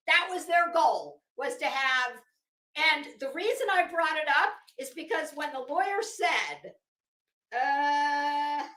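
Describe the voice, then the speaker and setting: A middle-aged woman streams live, her voice high and fairly bright as she delivers casual commentary. She is brash and opinionated, swears freely and leans on dramatic emphasis, and the room sounds echoey.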